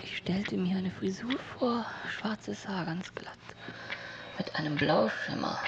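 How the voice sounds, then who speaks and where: In a heavily acted, high-voiced performance, a man plays a morbidly deranged, brooding loner speaking from his tower in an experimental radio-play monologue. His creaky delivery comes in deliberate, halting fragments, frequently hushed and breathy, and feels morbid and intimate. It's captured in a dull, noisy lo-fi recording.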